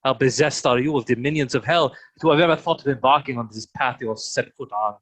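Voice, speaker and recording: In a historical play table read, a man voices a soldier who taunts a condemned prisoner with bitter contempt, sneering in declamatory, archaic speech. His medium-pitched voice moves fast, with a fairly bright, breathy tone and no echo.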